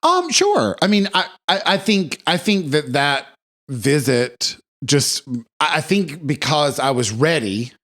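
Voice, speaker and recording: A man's voice: on the high side, sing-song, slow pace, fairly bright tone. A man co-hosting a podcast in casual chat, talking hesitantly and repeating words as he searches for them. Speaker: podcast co-host.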